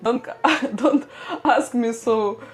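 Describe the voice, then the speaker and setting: With a slightly high voice and drawn-out words, a young woman with a Ukrainian accent chats on her livestream over music. She reads viewer comments, laughs frequently and speaks a somewhat broken English.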